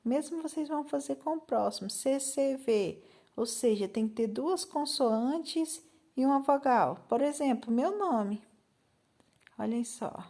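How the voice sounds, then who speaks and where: A woman's voice: high-pitched, animated, a little slow, dark tone. A woman with a Brazilian accent, teaching a recorded Portuguese lesson to fifth graders, patiently spelling out letters and checking understanding.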